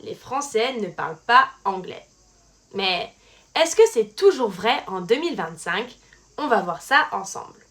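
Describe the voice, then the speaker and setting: A woman teaching a French language lesson in a clear, scripted delivery. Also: medium pitch, sing-song, unhurried, a bit bright.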